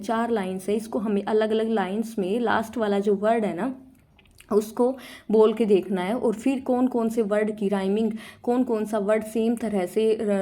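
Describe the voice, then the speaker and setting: A young woman teaching a class-ten English lesson for exam prep, her voice soft and mellow. She reads the English lines slowly and carefully, then slips into quick, chatty explanation, often checking in with the students. Her pitch sits in an ordinary middle range.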